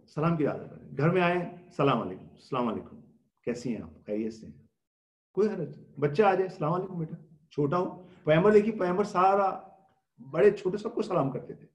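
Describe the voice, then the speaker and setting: A man's voice: a little high, darkish tone, roomy sound. A man giving a religious lecture, explaining patiently, asking rhetorical questions and answering them himself, with English words mixed in. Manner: mixes English words into speech. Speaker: religious scholar giving a Ramadan talk.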